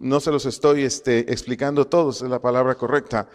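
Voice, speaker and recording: A man's voice: mid-range voice, fairly even intonation, moderate pace, big-room sound. A man teaching a Bible study, asking questions and answering them himself, repeating key phrases and spelling out Greek words.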